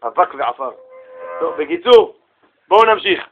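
A man teaching a religious lesson with animated storytelling, asking rhetorical questions and acting out the people in his stories. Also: high voice, phone-quality sound, slight background noise. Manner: animated storytelling, acts out quoted voices. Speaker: Torah teacher.

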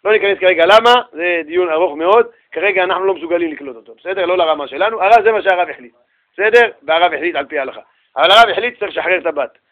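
A man with a strikingly high voice retells a religious story to a small group in casual, slangy language. He keeps it lively, turning to his listeners often and imitating the voices of the characters. The audio is thin and tinny.

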